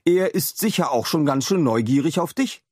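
A man voicing a kindly, excitable scientist and inventor who speaks in bubbly, excited bursts in a storybook reading. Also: a little high, moderate pace, husky, no room sound, clean studio sound, pitched above the performer's own voice. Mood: cheerful. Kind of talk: storybook character voice.

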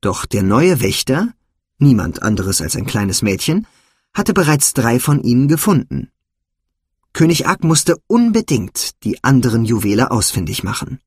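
A man narrating a children's fantasy storybook in a measured, expressive way. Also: mid-range voice, husky, dry recording, clean studio sound.

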